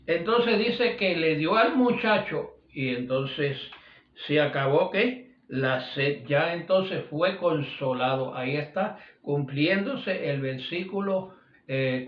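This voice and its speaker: A man's voice: on the high side, distant mic. A man preaching a sermon, reading scripture and repeating praise phrases between his lines. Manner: repeats "vive Jesús, aleluya" between phrases; reads scripture aloud, voice rising and falling. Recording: echoey, dull lo-fi sound.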